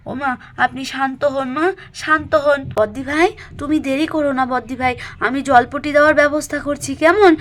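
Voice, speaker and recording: A caring daughter-in-law fussing over a sick mother-in-law, voiced by a woman. She speaks loudly in a high, bright register and often ends with a coaxing question. It is a homemade doll cartoon voice. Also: fairly even intonation, moderate pace. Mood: soothing.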